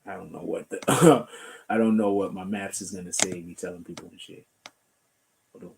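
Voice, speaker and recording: His voice is deep and creaky at a normal speed, with slight background noise behind it. He's a Bronx, New York streamer tossing out loose, profane commentary on the news while browsing web pages.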